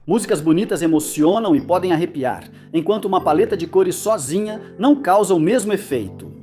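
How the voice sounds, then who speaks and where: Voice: mid-range voice, animated, brisk, darkish tone, faint music behind. A narrator reading a scripted educational explainer, with playful asides.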